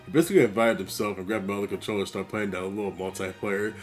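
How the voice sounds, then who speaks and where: A man's voice: lowish voice, rapid-fire, faint music behind. A man vlogging about his gaming memories in a laid-back, conversational storytelling way. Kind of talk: storytelling monologue.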